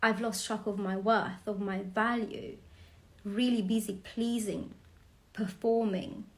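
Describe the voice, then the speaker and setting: A woman in her forties from Romania hosts her first live stream, speaking slowly and hesitantly with many fillers. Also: mid-range voice, steady tone. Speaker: host.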